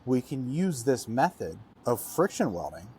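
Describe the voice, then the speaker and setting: A man's voice: mid-range voice, sing-song, a little slow, a little mellow, a little hiss or hum. A man co-hosting a podcast, a welder thinking aloud and spitballing ideas in casual chat. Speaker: podcast co-host; welder working on gas pipe procedures.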